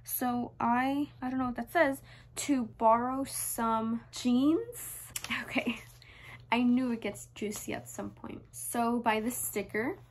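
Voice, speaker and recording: Embarrassed young woman reading aloud, higher-pitched voice. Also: takes it slowly, slight background noise. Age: young adult. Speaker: vlogger. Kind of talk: reading old childhood diary aloud with casual asides. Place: small bedroom, indoors.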